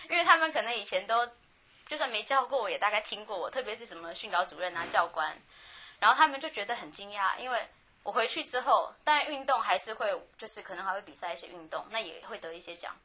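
A woman's voice: medium pitch, bright, forceful tone, husky. A woman with a Taiwanese Mandarin accent telling her life story in a frank, chatty way, with many restarts. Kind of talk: personal testimony, casual storytelling.

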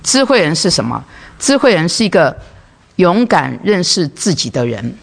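Gravelly-voiced woman preaching. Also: lowish voice, sing-song, moderate pace. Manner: asks rhetorical questions and acts out everyday dialogue. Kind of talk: sermon.

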